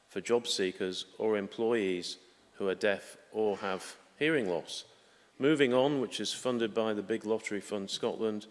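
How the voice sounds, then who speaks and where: Halting low-voiced man in a reverberant hall. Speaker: member of parliament. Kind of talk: formal parliamentary speech. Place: large parliamentary debating chamber. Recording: echoey hall with long reverb.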